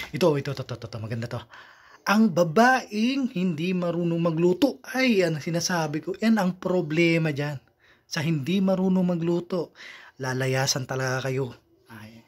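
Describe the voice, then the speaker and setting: An unhurried vlogger works through a list of love quotes, adding playful commentary after each one. The talk is teasing and chatty, broken up by frequent chuckles, and aimed straight at the audience. The voice sits at a middle pitch. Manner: teasing, chuckling often, addresses viewers directly.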